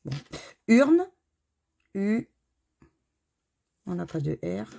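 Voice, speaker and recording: Middle-aged woman host, unhurried and husky, chatty self-mocking scratch-card commentary at home. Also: medium pitch, very animated, warm tone. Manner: chatty, self-mocking, spelling letters aloud. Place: home corner under renovation.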